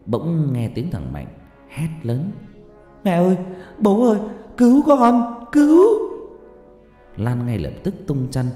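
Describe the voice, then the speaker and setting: A man's voice: fairly low pitch, mellow. A man narrating a horror story in a dramatic, suspenseful way. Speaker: audiobook storyteller. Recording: reverb-heavy narration with faint music.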